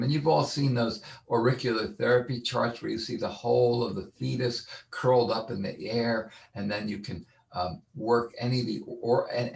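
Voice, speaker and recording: Gravelly-voiced man teaching from a distance. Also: fairly low pitch. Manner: rambling, many fillers and restarts. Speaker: wellness teacher. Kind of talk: informal lecture. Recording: roomy, distant mic.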